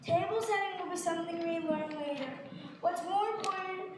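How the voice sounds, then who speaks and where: A very reverberant stage-play recording picked up from a distance. A woman plays a young prince, kind and determined, in a high voice with earnest, declarative lines. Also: brisk. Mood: instructing. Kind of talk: amateur stage play acting. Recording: echoey noisy hall, distant mic.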